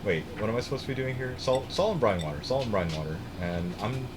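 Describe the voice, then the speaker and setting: Fast-talking and animated, this young American man has a voice on the low side. He rambles through casual chat while playing a game on a live stream, cursing and starting sentences over, with background noise in the mix.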